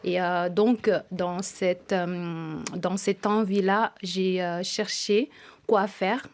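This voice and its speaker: A woman answers as a radio guest in a measured, reflective way. Her voice sits a little low, and she circles back over her points as she speaks. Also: steady tone. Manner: measured, reflective, repeats herself. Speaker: project founder. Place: radio studio.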